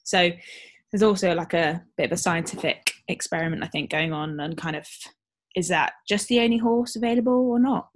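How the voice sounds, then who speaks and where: A woman co-hosting a podcast, chatting casually with her co-host. Her voice sits on the low side, and she pads her sentences with fillers and quick laughs as she tells a story. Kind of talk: casual chat.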